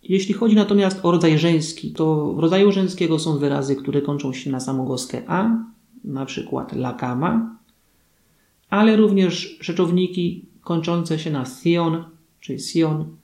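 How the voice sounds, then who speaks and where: A man giving a scripted grammar lesson, explaining rules clearly and reading out examples. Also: fairly high pitch, moderate pace, warm tone. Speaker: language teacher. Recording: echoey room.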